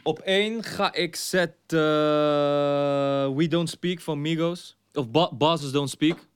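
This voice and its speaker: A man's voice: fairly high pitch, steady tone, takes it slowly, clean tone. A young man co-hosting a music chat, explaining releases steadily with frequent hesitations. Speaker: podcast co-host. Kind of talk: casual chat about music.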